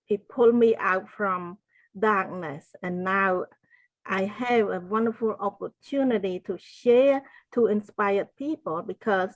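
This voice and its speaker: Slow, earnest older woman from Cambodia. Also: mid-range voice, no echo, lo-fi sound. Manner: slow, earnest, faith-filled storytelling. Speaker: podcast guest, wellness consultant. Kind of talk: interview answers, personal testimony.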